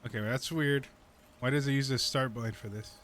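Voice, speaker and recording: Brief: male gaming host, casual chatter while playing, middle pitch, faint noise with game sound behind. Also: brisk, a bit bright. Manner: chatty and sarcastic, talking to himself. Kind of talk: casual let's-play commentary.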